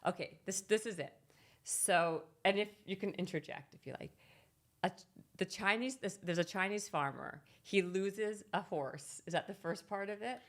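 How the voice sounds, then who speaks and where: A woman's voice: medium pitch, moderate pace. A woman guest on a podcast, casually retelling a parable with frequent restarts and laughter. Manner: animated, laughing, restarts often. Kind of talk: casual chat, telling a parable.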